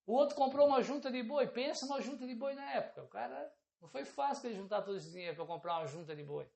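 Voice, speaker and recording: A woman's voice: fairly high pitch, lively intonation, fast talker, gravelly, a little mellow, roomy sound. A woman preacher delivering an emphatic sermon, often calling out rhetorical questions to the congregation.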